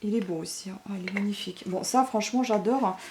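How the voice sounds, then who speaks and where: A woman's voice: medium pitch, fast talker, darkish tone, slight background noise. Chatty woman unboxing beauty products. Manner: chatty, frequent fillers and tag questions. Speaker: beauty vlogger. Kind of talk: casual unboxing chat. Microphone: camera microphone.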